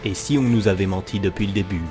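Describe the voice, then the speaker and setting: Speaking quickly in a deep voice, a man serves as narrator for a satirical investigation piece done as a mock documentary. He sounds grave and conspiratorial, with background music underneath.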